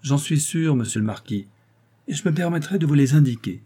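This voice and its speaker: A man voicing a sly, scheming older lawyer who flatters and insinuates in an audiobook. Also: fairly high pitch, fairly quick, slightly rough, pitched above the performer's own voice. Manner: wheedling and insinuating.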